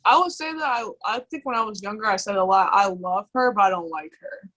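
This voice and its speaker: A young woman speaking candidly in a personal conversation, halting often with fillers and restarts. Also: medium pitch, a bit bright, low-quality recording. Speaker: guest.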